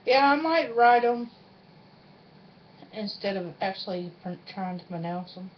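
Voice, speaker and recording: A woman hosts a homemade challenge video in a middle-pitched voice. She chats casually, folksy and self-deprecating. The sound is dull and lo-fi, with faint noise behind her. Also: expressive, unhurried. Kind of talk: casual vlog chat with a partner. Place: indoors at home, room with a refrigerator.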